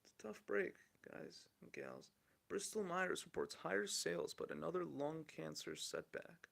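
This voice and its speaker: A man's voice: a little high, huge pitch swings, moderate pace, vocal fry, fairly bright tone. A man in his thirties hosting a solo podcast, rambling candidly through the news and swearing casually. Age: 30s. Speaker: podcast host.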